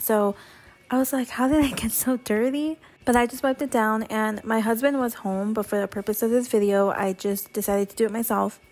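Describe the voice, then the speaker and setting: A young woman narrates in a casual, scripted vlog style. Her voice sits a little high and has a raspy edge. She sounds like an everyday mom talking viewers through a task. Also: a little mellow. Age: young adult. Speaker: mom vlogger.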